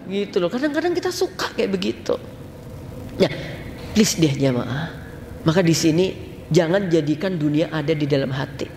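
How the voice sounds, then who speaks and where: A man with a Javanese accent preaching to a congregation in a lively, chatty storytelling style, mixing in local slang and speaking to the listeners directly. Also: fairly high pitch, normal speed, long pauses. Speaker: Islamic preacher. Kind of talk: casual storytelling sermon. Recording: long hall reverb, faint noise.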